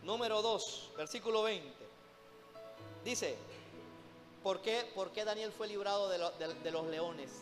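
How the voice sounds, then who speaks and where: A man's voice: sits high, unhurried, long pauses, big-room sound, soft background music. A man preaching a sermon in a church, emphatic, repeatedly calling out to the congregation as brothers.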